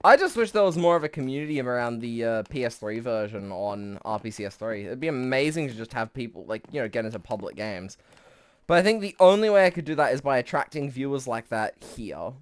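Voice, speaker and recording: A man's voice: medium pitch, animated, brisk, clean tone. A young man giving casual live commentary on his gameplay, rambling and swearing, a bit out of breath. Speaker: streamer.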